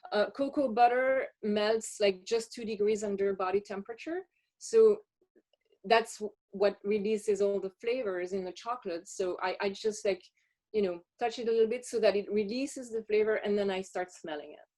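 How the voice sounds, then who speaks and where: A woman's voice: mid-range voice, moderate pace, mellow. A woman walking listeners through a chocolate tasting step by step, talking casually with frequent fillers and restarts. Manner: chatty, hesitant with many fillers. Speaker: chocolate taster. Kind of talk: guided tasting walkthrough.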